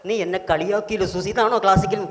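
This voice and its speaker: A man hosting a children's Bible school session in an auditorium, animated and quick to quiz the kids. His voice sits high for a man, with lots of rising questions. It carries a long hall echo and faint background noise. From Kerala, India. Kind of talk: children's program hosting and storytelling.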